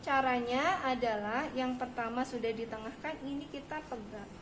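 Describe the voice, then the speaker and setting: In this hands-on clinical demonstration, a female midwifery instructor speaks at a normal pace in a fairly high voice. She goes through a prenatal exam one step at a time and makes sure her students understand, while the echoey room carries background noise.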